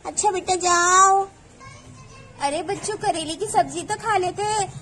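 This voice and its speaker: A woman's voice: very high-pitched, unhurried, fairly bright tone, faint music behind. A woman voicing a cheerful village mother in a cartoon doll story, coaxing and sing-song as she talks to children and a baby.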